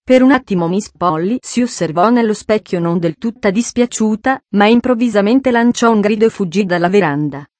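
A woman narrating an audiobook in a measured, expressive storytelling voice. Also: mid-range voice, no echo.

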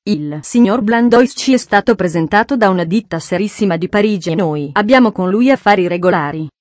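A woman's voice: mid-range voice, lively intonation, brisk, dry recording, lightly acted. A woman voicing a cold, stern old invalid mother, speaking firmly, in a dry storybook reading.

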